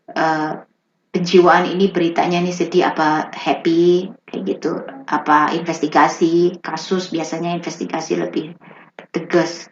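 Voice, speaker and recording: A woman working as a voice-over artist, chatting casually in an interview and explaining with lively rises in her voice. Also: low voice, a little hiss or hum. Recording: roomy, slightly dull recording.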